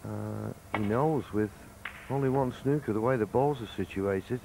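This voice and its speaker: Man, low creaky voice, snooker commentator, measured and understated, slight background noise. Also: warm tone, low-quality recording.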